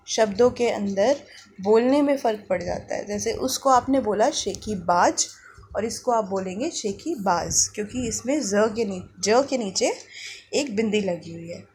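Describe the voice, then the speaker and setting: A woman teaching young pupils through a worksheet, reading words slowly syllable by syllable and asking the class questions that she answers herself. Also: medium pitch, darkish tone, a little hiss or hum. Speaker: primary school teacher. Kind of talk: worksheet lesson for children.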